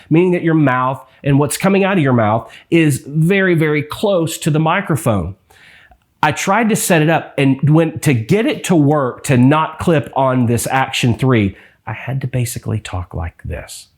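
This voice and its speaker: A man's voice: on the high side, measured pace. A man vlogging a camera review, talking casually and rambling with frustration. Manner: frustrated, rambling, animated explaining.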